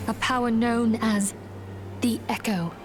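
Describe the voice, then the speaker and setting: A solemn leader of a secret order, voiced by a woman, speaks in formal, measured sentences full of archaic turns. Her voice sits slightly high, and game music plays clearly behind her. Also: steady tone, lightly acted. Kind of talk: game voice acting.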